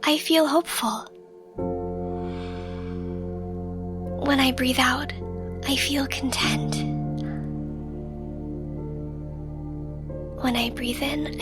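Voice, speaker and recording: Speaking as an affectionate catgirl girlfriend who soothes her partner toward sleep, a woman uses a high, soft, breathy voice, often whispering, in a calm, intimate mood. She is tender, gentle, unhurried and reassuring throughout this ASMR bedtime roleplay and slow storybook reading, recorded on a close microphone with soft background music.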